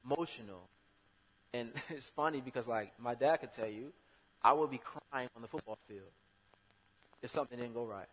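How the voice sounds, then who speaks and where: Husky-voiced man preaching in a reverberant hall. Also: mid-range voice, moderate pace, pauses often. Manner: conversational, with sudden loud emphatic bursts. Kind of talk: sermon.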